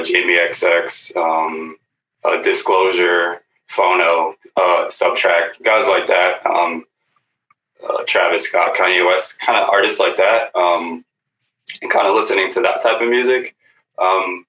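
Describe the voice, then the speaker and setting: A man, a guest musician, talking slowly and haltingly with many fillers in a casual stream chat. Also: low voice, pushed and bright. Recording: roomy, distant mic with faint background noise.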